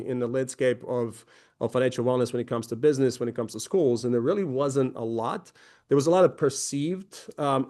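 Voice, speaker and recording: A company founder from Croatia, a man in his forties, presents in a webinar with a chatty delivery, often using fillers and restarting sentences. He has a mid-range, somewhat dark voice.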